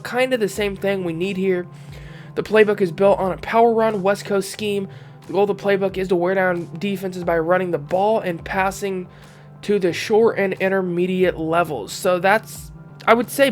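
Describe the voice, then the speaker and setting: A young man with a congested voice, casually commenting while he reviews season stats in a football video game. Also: high voice. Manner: relaxed, thinking aloud while reviewing stats. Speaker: gaming YouTuber.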